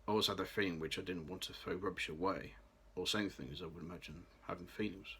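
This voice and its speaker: This late-20s Birmingham man is a fast talker with a husky, low, bright voice. His scripted personal vlog is read aloud carefully, with a restart here and there.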